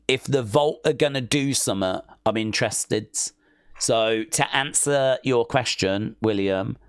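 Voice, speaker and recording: On a wrestling podcast, a male co-host with a fairly low pitch and a clean tone makes hesitant, casual conversation, frequently ending thoughts with "I don't know." The audio is clean studio sound with no echo.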